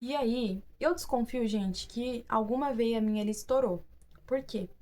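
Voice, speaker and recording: A woman's voice: on the high side, measured pace, dark tone. A young woman with a Brazilian Portuguese accent, casually telling viewers her own story, chatty and full of fillers and restarts. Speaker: vlogger.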